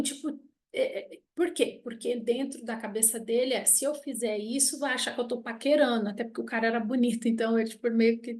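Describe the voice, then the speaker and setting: A Brazilian woman giving a casual spoken lesson on family constellation therapy, telling an emotional story and often checking in with her listeners. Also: high voice. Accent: Brazilian Portuguese.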